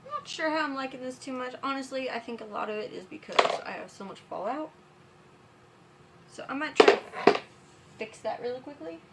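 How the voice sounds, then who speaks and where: A woman's voice: on the high side, heavy background noise. Drunk woman fumbling through a makeup tutorial. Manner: drunk, fumbling and tripping over words. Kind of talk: casual makeup tutorial chat.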